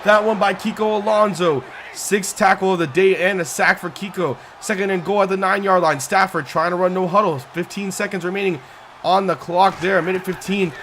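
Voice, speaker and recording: A young gaming YouTuber calls the action in a video game like a sports announcer, brisk and excitable, his pitch climbing on big plays as he counts down yard lines. He's losing his voice, and there's slight background noise.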